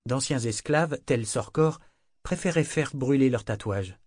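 Male audiobook narrator, mid pitch, dry close read, steady delivery. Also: measured pace, no echo. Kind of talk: scripted narration.

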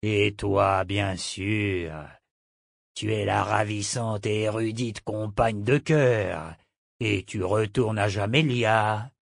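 A man's voice: lowish voice, fairly even intonation, takes it slowly, creaky, dry recording, clean studio sound. A man voicing a cheerful, sarcastic pirate captain who drawls his threats.

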